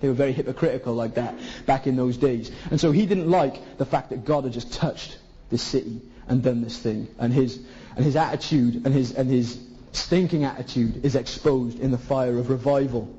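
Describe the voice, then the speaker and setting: A man's voice: medium pitch, moderate pace, mellow, husky, dull audio. A man with a Welsh Valleys accent preaching a colloquial sermon, putting rhetorical questions to his listeners. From South Wales valleys.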